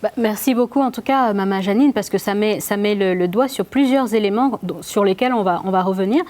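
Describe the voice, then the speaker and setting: A woman hosting a casual discussion, polite and halting, often repeating words. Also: mid-range voice, darkish tone. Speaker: host.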